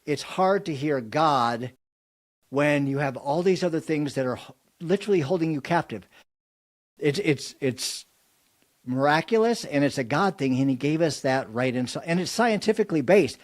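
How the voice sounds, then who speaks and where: A man speaking as a podcast guest, earnestly explaining a faith framework in an animated, preaching style. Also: a little high, moderate pace. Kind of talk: faith-based podcast conversation.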